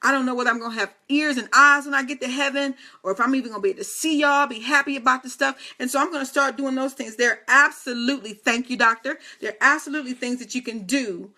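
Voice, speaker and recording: Talking fast with few pauses, a woman with a high-sitting, sharp voice hosts a casual live video talk. She's in her fifties and addresses viewers directly and chattily, tossing in playful, teasing remarks.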